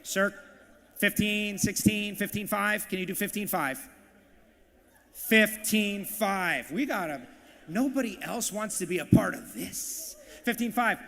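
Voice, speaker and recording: A man working as auctioneer and emcee at a live charity event, calling bids in a rapid, punchy, hyped way. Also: high voice, creaky, a bit bright, long reverb tail. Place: large banquet hall, live audience.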